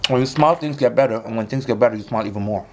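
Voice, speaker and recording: A man's voice: mid-range voice, very fast, slight background noise. A man chatting casually to viewers as a mukbang host while eating crunchy fried chicken, slangy and repetitive, with satisfied hums. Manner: slangy, repeats phrases.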